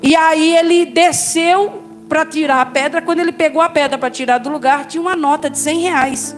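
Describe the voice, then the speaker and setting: A Brazilian woman pastor giving a personal testimony, telling her story in a lively way and addressing the listeners as brothers and sisters. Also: high-pitched, moderate pace, soft background music. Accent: Brazilian Portuguese.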